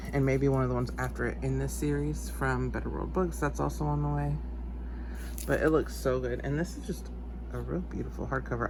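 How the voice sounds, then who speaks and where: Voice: mid-range voice, background noise. A book haul vlogger from Texas with a congested, sniffly voice, chatting casually and rambling into asides and self-corrections. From Texas, United States. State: sniffly, stuffed-up nose. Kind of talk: casual chat.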